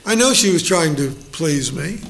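A man's voice: on the high side, expressive, normal speed, vocal fry, fairly bright tone, a little hiss or hum. A middle-aged male pastor leading a Bible study, folksy and joking, acting out little quotes.

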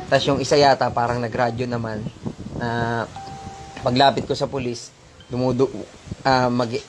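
With background noise behind him, a man with a medium-pitched voice, a delivery rider, gives an emphatic, casual first-person account of what happened to him, calling his viewers sir and bro.

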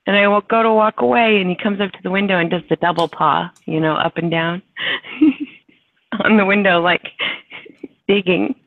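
A woman's voice: medium pitch, fairly even intonation, normal speed, long pauses, no echo. A woman in a casual chat, telling funny stories and laughing often. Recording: tinny phone-like dry line.

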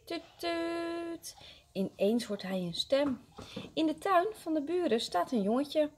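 Expressive woman reading to kindergarteners. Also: high voice, measured pace, slight background noise. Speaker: kindergarten teacher. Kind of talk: reading a story aloud to young children.

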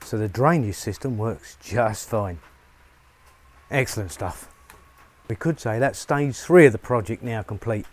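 A man's voice: on the low side, lively intonation, a little slow. A middle-aged man, talking casually to camera while working outdoors on his farm, chatty and upbeat with lots of fillers. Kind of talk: casual vlog narration to camera. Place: outdoors on a rural farm, rainy. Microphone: lapel mic.

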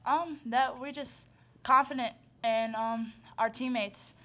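A young woman, a college basketball player, giving short, soft-spoken answers with fillers at a press conference. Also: a little high, steady tone, slow. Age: young adult. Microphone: table mic on stand.

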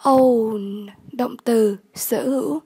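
A high-pitched woman tutor reads out vocabulary at a very slow pace. Her voice is soft, breathy and mellow. The recording is dry and close. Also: no echo. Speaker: English tutor. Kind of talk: vocabulary lesson.

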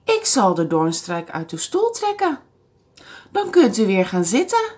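Woman doing a gentle, kind policeman. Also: on the high side, wildly swooping pitch, measured pace. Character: kind, helpful male police officer.

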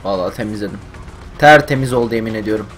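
A young man commentating a game stream live, getting loud and swearing at the game. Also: fairly low pitch, rapid-fire, faint music behind. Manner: excitable, swears, yells at the game. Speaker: gaming streamer.

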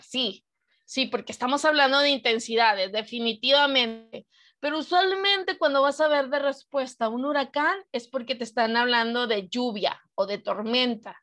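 A woman's voice: fairly high pitch, a bit bright. A woman teacher with a Mexican accent giving an online class over a video call, explaining patiently and often asking her students questions.

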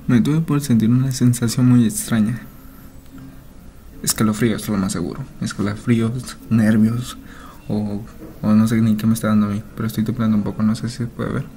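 A man's voice: lowish voice, flat delivery, moderate pace, mellow. A man reads a horror story aloud, reacting with nervous jokes and often dropping to a whisper. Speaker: channel host.

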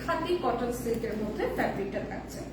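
A hoarse woman hosting a live stream to sell sarees, chatting with viewers and mixing English into her talk. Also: on the high side, animated, fast, roomy sound, distant mic, noisy background. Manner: chatty, reads viewer comments, mixes in English. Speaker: live-sale host.

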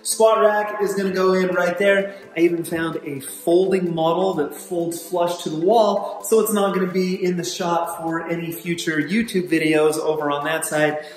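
A man's voice: high-pitched, steady tone, moderate pace, hardly any pauses. Upbeat vlogger man in an echoey basement. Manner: upbeat and enthusiastic, keeps addressing the viewers as "you guys". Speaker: physical therapist and fitness channel host. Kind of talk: casual home-renovation vlog. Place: unfinished basement under construction, indoors. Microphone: camera mic, often handheld at arm's length. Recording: echoey bare room with faint background music.

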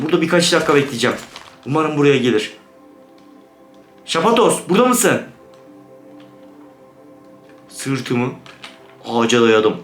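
A man's voice: medium pitch, a bit bright. A man giving jumpy, swearing commentary on a horror game to his viewers. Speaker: gaming YouTuber. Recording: roomy room with background music.

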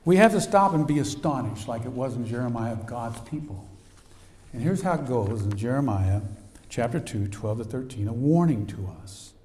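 A man preaching from the pulpit, mid-pitched, moving from loud bursts to hushed asides. He brings a story to life with sound effects and spirited delivery. His voice rings through a large, echoey church hall with a long reverb tail. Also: expressive, moderate pace. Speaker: pastor. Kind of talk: sermon. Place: church sanctuary.

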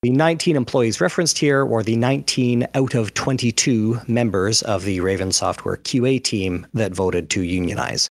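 A man's voice: fairly low pitch, normal speed, few pauses, dry recording. Guy hosting a podcast panel, reads news notes, dry close sound. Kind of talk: casual panel chat, reading news notes.

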